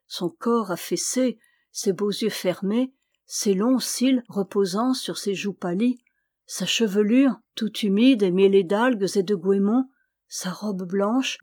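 A woman storyteller reading a fairy tale aloud in a measured, expressive way. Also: mid-range voice.

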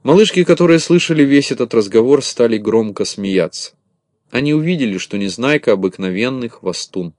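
A man reading a children's tale aloud as narrator, lively and expressive. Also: mid-range voice, a little fast, dry recording, clean studio sound.

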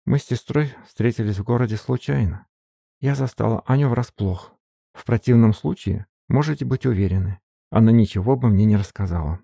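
A man's voice: on the low side, a little fast, creaky, warm tone, husky, no echo, studio quality, pitched above the performer's own voice. A man reading a cold, defiant young woman in an audiobook, with clipped lines raised above his own voice.

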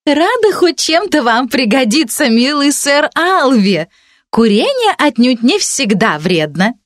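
A man's voice: very high voice, big pitch swings, a little slow, a bit bright, dry recording, studio quality, pitched above the performer's own voice, heavily acted. A man voicing a coquettish middle-aged aristocratic lady in an audiobook, sugary and flirtatious.

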